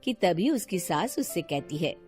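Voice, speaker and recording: A woman narrating an animated cartoon story in a lively, expressive way. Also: lowish voice, a little slow, faint music behind.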